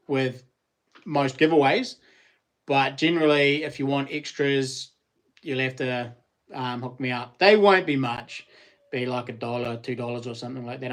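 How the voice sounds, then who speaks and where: A man's voice: medium pitch, fairly even intonation, moderate pace. A man with a broad New Zealand accent hosting a casual live chat, talking to viewers in matey Kiwi slang. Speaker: live stream host.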